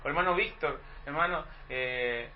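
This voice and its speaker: A man's voice: fairly high pitch, moderate pace, dull audio, a little hiss or hum. A Chilean man preaching a sermon in a conversational teaching manner, asking the congregation rhetorical questions. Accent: Chilean Spanish. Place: church hall.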